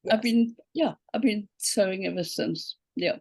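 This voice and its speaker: A woman's voice: medium pitch, normal speed, creaky, a little mellow, slightly rough. A woman in her seventies with a South African accent, talking as a guest on a video call. She tells stories in a chatty way and often stops to check in with an "okay?" The sound is dry and close, with no room echo. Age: 70s. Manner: chatty storyteller, frequent ums and okays. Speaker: quilting teacher, guest. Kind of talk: casual interview chat.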